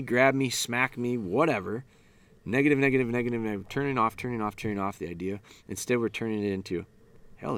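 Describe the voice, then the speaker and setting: A man's voice: mid-range voice, fairly bright tone. A man in a mid-range voice talks through retriever training like he's chatting with a fellow handler. He's blunt and folksy, and he drops into little asides where he plays out the dog's thoughts. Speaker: dog trainer and podcast host. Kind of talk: casual instructional talk.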